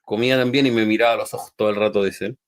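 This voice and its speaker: A man hosting a faith podcast, retelling a story in an animated way and checking in with his listeners. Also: lowish voice, rapid-fire, clean tone. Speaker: podcast host.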